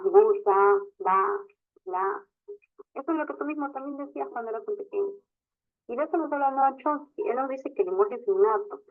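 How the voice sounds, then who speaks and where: A teacher giving an online class lecture, explaining step by step and often adding a short questioning tag. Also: medium pitch. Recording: tinny phone-like audio.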